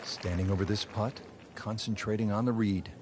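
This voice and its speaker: A man playing a lead golf commentator in a video game, calling play in a measured, descriptive way. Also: fairly low pitch, steady tone, a little mellow, slight background noise, natural voice. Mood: measured commentary. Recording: music and crowd behind voice. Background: music and outdoor crowd.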